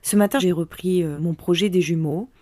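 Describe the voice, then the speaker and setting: A woman's voice: fairly low pitch, normal speed, warm tone. A woman from France in her thirties, a would-be novelist thinking aloud in a spontaneous audio diary, with many hesitations. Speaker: aspiring novelist, podcast host.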